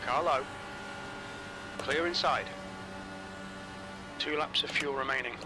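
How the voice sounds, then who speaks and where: A man voicing a calm race spotter and crew chief who gives terse pit radio calls in clipped, flat phrases. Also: medium pitch, takes it slowly, music in the background, lightly acted. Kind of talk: prerecorded game announcements. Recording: loud race engine noise. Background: racing car engines.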